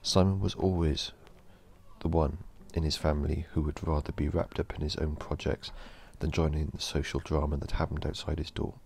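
A man narrating a horror story in a slow, measured storytelling delivery. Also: rumbling low, level tone, creaky, a little mellow, soft background music.

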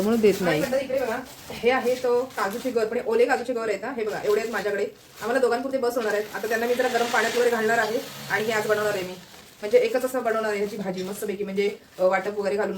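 A woman chats through a home cooking vlog in a fairly high voice. She talks easily and keeps calling on viewers to look. It is recorded on a phone in her kitchen, with faint noise behind her. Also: poor audio. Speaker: vlogger. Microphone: handheld phone.

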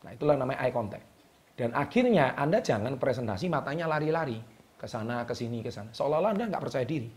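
A man hosts a motivational talk, speaking straight to the camera. His voice sits in a middle pitch, and he stresses key words and repeats them with a drawn-out "ya" between points. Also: expressive, darkish tone. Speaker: host.

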